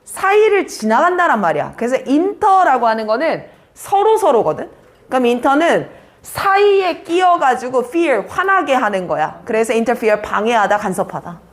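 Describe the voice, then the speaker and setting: A woman teaching an English vocabulary class, brisk and teasing, quizzing students by name. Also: high-pitched, sing-song. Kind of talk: live online vocabulary class.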